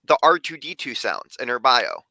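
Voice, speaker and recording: A young man hosting a casual podcast, chatty and quick with asides, talking about his hobbies. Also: mid-range voice, very animated, bright, forceful tone, no room sound, low-quality recording. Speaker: podcast host.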